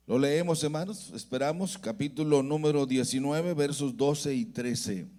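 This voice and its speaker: A male pastor preaching a sermon in a church, slow and deliberate, asking the congregation to repeat after him. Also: fairly high pitch, mellow.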